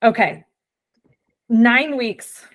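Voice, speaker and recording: A woman's voice: fairly high pitch, extremely slow. Reflective woman in her forties. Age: 40s. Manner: reflective, acts out her own inner voice. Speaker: podcast host. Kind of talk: casual chat.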